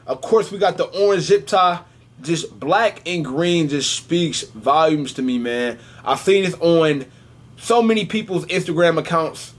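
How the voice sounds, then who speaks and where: A man's voice: fairly high pitch, unhurried. A young man in a casual, slangy sneaker vlog, talking straight to his viewers, slightly slurred from freshly tightened braces. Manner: slangy, animated, addresses viewers directly. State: sore mouth from tightened braces, some slurring. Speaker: sneaker vlogger. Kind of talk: casual unboxing chat.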